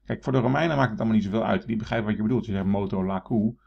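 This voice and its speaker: A man's voice: lowish voice, racing, creaky, breathy edge, muffled recording. A man teaching Latin, thinking aloud with many fillers and restarts and reading verse aloud in a raised voice. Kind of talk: explaining a Latin text.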